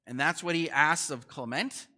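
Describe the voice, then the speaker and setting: A man's voice: a little high, normal speed, sharp tone. A man preaching a sermon as pastor in a conversational way, often asking the congregation questions.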